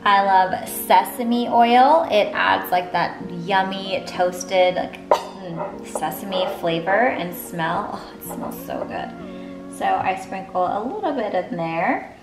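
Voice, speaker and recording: With a medium-pitched, expressive voice, a fitness vlogger in her thirties takes things slowly as she cooks in her home kitchen. She keeps the chat casual, upbeat and homey for a camera propped on the counter. The recording has kitchen echo and background music.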